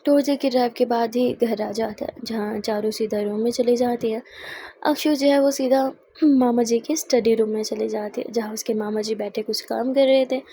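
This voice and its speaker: High, mellow woman storyteller. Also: steady tone, normal speed, a little hiss or hum. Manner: conversational asides. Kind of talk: narrating a romance story.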